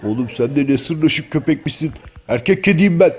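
A man's voice: on the high side, animated, moderate pace, a little mellow, natural voice. A man playing a pet owner who calls out and teases the animals. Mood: calling. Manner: calling out, teasing.

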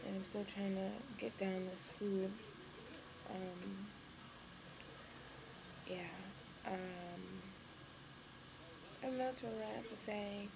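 A young woman speaking casually to camera, tired and weak after surgery, low on energy and hesitant. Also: fairly even intonation, takes it slowly, pauses often. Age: young adult. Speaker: vlogger. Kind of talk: casual video diary. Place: hospital room. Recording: clearly noisy webcam recording, room ambience.

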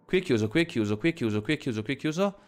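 A man streaming a horror game, talking to his viewers as he plays. His pitch swings widely as he goes from grumbling under his breath to sudden yelled outbursts and strings of curses. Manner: swearing, excitable, quick shifts from muttering to yelling. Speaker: gaming streamer. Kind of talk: live gameplay commentary.

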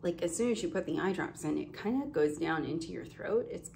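A woman's voice: on the low side, expressive, a little fast, gravelly, a little mellow, a little hiss or hum. A woman vlogging about her cross-stitch projects in a casual, rambling show-and-tell way, with lots of ums and self-corrections, a bit congested. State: slightly congested, coughing now and then.

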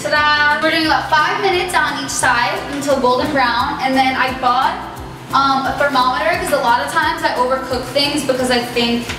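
A woman's voice: high-pitched, fairly even intonation, normal speed. A young woman in her twenties chatting casually and exclaiming as she cooks in her home kitchen, recorded by a camera mic at medium distance. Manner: chatty, exclaiming, self-mocking. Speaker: vlogger cooking in her kitchen. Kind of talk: casual cooking vlog. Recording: echoey kitchen with background music.

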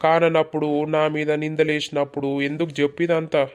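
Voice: medium pitch, monotone, moderate pace, smooth, close to an everyday voice. A performer voicing a hurt, resentful village man with a Telangana accent, talking in a reproachful, pleading way. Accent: Telangana Telugu. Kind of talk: animated village comedy dialogue.

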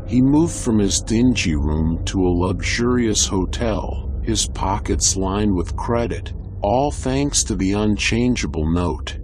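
Slow, low-voiced male story narrator. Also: expressive, a little mellow, slight background noise. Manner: measured and descriptive. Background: faint background music.

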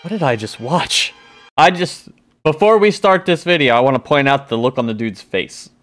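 A man's voice: medium pitch, animated, normal speed, fairly bright tone, faint music behind. A man in his thirties hosting a reaction video with casual commentary. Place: small indoor streaming room.

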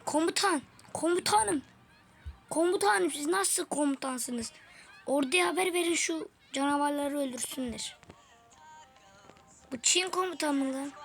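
A high-pitched woman gives rapid, slangy let's-play commentary, chatting with her viewers and her teammates. Clear game music plays behind her voice the whole time. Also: fairly bright tone. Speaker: gaming video creator.

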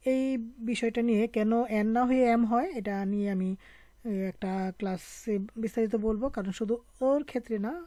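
A woman teacher explains pronunciation slowly and patiently, spelling each sound out one by one. Her voice sits a little high yet sounds dark and mellow. It is recorded close and dry, with no room echo. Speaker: French teacher. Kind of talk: online language lesson.

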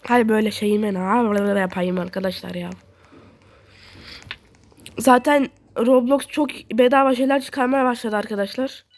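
A young woman giving casual, excitable commentary while playing a game and talking to her viewers. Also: a little high, unhurried. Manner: chatty, excitable, talks to viewers. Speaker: gaming video host.

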